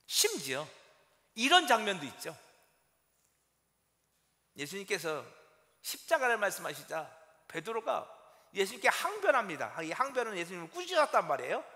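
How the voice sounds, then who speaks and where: High, bright-voiced man preaching a sermon. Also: normal speed, long pauses. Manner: animated, asks the congregation rhetorical questions. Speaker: pastor. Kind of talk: Sunday sermon. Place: church sanctuary. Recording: long church-hall reverb.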